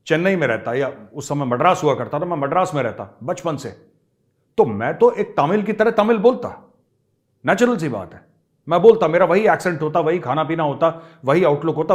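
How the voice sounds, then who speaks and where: A middle-aged man giving emphatic political commentary, talking straight to his viewers and repeating his points for emphasis. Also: a little high. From India.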